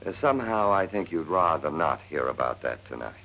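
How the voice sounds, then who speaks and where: A man's voice: extremely low pitch, sing-song, fairly quick, sharp tone, a little hiss or hum, heavily acted. A man acting an exasperated, wry character with sardonic screwball banter in a 1940s comedy film. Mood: wry, insistent. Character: exasperated, wry man convinced his brother returned as a dog. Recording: muffled vintage film soundtrack.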